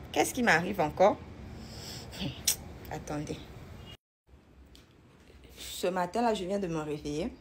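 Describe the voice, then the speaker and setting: A young woman vlogging from home, telling a story in an animated, indignant way and often repeating herself. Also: lowish voice, a little hiss or hum. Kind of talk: casual storytelling vlog.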